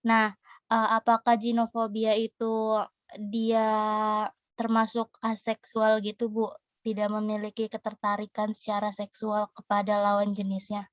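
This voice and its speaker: A woman's voice: mid-range voice, completely flat delivery, unhurried, dry recording, lo-fi sound. A young woman student politely and hesitantly asking her lecturer a question over a video call. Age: young adult.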